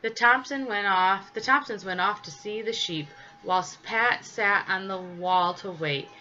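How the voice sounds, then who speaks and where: Woman storybook reader, measured and expressive, slightly dull recording. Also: medium pitch. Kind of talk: reading a children's story aloud. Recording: slightly dull with faint hiss.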